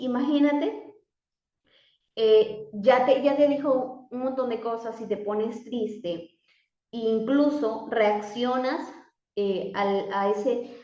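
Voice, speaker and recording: A woman's voice: on the high side, darkish tone. A woman coach giving a motivational talk, often putting questions to herself by name, with many restarts and fillers. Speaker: life coach. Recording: echoey room, dull sound.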